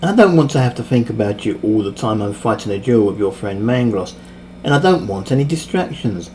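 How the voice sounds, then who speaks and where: A man's voice: lowish voice, animated, fairly quick, a little mellow, slight background noise, lightly acted. A man voicing a smug, overpowered male villain mage who taunts his victims with casual cruelty. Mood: gloating. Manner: mocking, cocksure, casually cruel.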